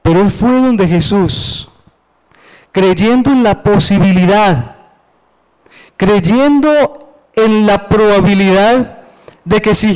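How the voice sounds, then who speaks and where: Man, preacher, high and smooth voice, shifts between low pleading and urgent questions. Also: darkish tone, rough recording. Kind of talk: sermon.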